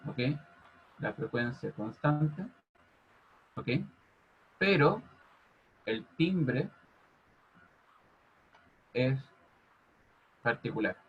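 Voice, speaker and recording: A man teaching a physics class over a video call, constantly checking in with his students by asking if it's clear. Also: mid-range voice, lively intonation, drawn-out words, long pauses. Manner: checks in with "ok?" after nearly every phrase. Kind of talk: online class explanation. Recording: muffled lo-fi audio.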